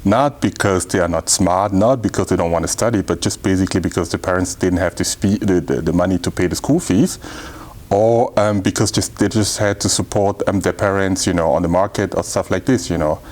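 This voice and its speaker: Low-voiced man, 30s, from Cameroon; thoughtful interview guest. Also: fairly quick, a little mellow. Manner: earnest and reflective, leans on "you know" and "indeed". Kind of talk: casual interview talk.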